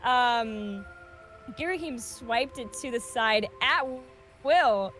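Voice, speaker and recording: A woman's voice: a little high, lively intonation, takes it slowly, fairly bright tone, soft background music. A young woman reading fan fiction aloud, chatty and laughing often as she explains context. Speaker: co-reader.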